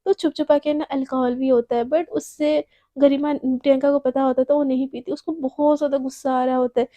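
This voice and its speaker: High-voiced woman telling a story. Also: brisk, no echo, highs cut off. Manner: animated, with frequent restarts. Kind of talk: casual spoken storytelling.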